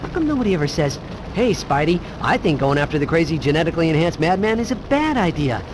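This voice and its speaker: A man's voice: a little high, very animated, quick pace, noisy background. A man playing a wisecracking, anxious teenage superhero in a video game, sarcastic and quippy. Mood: sarcastic, nervous. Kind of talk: video game cutscene acting. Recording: loud music over the voice.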